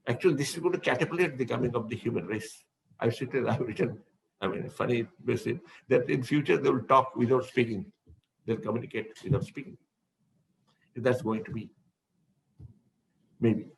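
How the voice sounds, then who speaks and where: A man's voice: medium pitch, vocal fry, poor audio. A man with an Indian English accent, a spiritual teacher speaking to devotees in a rambling, discursive way that often repeats words while he searches for the next phrase. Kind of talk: speaking to devotees in an online session.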